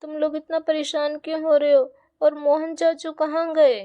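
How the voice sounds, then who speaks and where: A woman's voice: sits high, flat delivery, moderate pace, muffled recording, close to an everyday voice. A woman voicing an anxious mother in a doll-play bedtime story, who scolds the children. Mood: worried.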